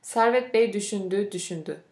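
A woman reading a novel aloud in a steady, measured storytelling voice. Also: medium pitch, echoey room. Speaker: narrator. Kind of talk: scripted audiobook narration.

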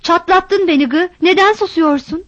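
A woman's voice: extremely high pitch, moderate pace, no echo, dull audio, voice pushed up. A woman voicing a frantic village mother who shrilly scolds and calls for her daughter.

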